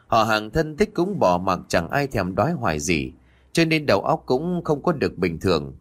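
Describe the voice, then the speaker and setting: A man voicing a calm sensible village wife. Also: lowish voice, normal speed. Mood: soothing. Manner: soothing, reasoning tone.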